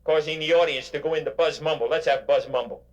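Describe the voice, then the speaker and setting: An older man giving a motivational keynote speech to a live audience, in an animated, emphatic, preacher-like way. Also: on the high side, fast talker. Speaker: motivational speaker.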